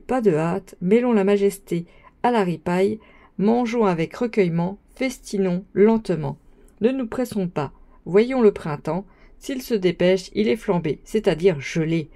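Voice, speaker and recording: A woman's voice: medium pitch, measured pace, dark tone, natural voice. A woman voicing a pompous young male student who lectures his friends in a grand, sermonizing manner, read as an audiobook. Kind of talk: audiobook reading.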